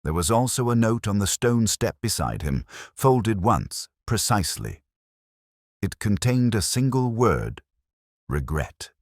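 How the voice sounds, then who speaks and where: A man playing a weary, reflective police inspector, narrating his case in a measured, literary, melancholy way for an audio drama. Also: on the low side, very animated, no echo, clean studio sound. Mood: brooding, reflective. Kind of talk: scripted first-person detective narration, audio drama.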